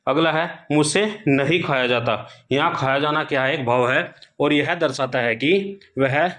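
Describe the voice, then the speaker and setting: A man giving a grammar lesson for exam students. He asks questions aloud, answers them himself, and slowly repeats each key point. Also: on the high side, a bit bright. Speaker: Hindi grammar teacher.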